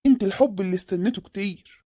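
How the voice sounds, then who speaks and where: Speaking at a racing pace in a warm, mid-range voice near her natural one, a woman plays a conniving middle-aged husband in a comedy cartoon. The character has an Egyptian Arabic accent and smooth-talks while dodging questions, and the recording is dry and studio quality.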